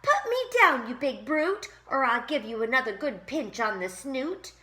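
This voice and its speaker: A woman's voice: fairly low pitch, animated, slow pace. A woman doing a grumpy old hermit crab. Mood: panicked. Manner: snappish, shouting when scared.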